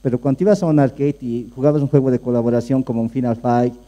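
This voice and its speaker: A man's voice: medium pitch, steady tone, quick pace, warm tone. A man from Bolivia commenting from the audience at a panel, speaking hesitantly. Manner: hesitant, many fillers and restarts. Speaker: audience member.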